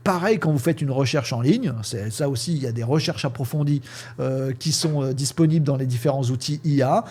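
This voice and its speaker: A man giving a casual, chatty lesson on how AI prompting works, talking in a lively way with many fillers and playful sound words. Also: mid-range voice, brisk, breathy edge. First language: French. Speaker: teacher explaining AI prompting. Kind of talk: casual spoken lesson with screen demo.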